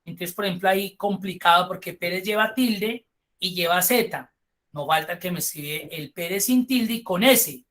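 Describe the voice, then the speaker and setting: Colombian male instructor, bright voice, live-class explainer who drifts into chatty asides. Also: high voice, normal speed. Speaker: spreadsheet course instructor.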